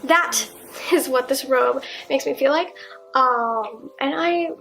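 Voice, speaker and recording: A woman's voice: high-pitched, slow, creaky, a bit bright, slight background noise. A young woman chatting casually in her apartment for a haul vlog, enthusiastic and full of fillers and asides. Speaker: vlogger. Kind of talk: casual haul video chat.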